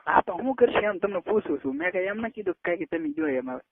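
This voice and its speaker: This caller, a man in his 20s with a Gujarati accent, has a high voice with lively intonation and talks quickly. He presses and cajoles during an informal personal call, captured as thin, narrowband phone-line audio.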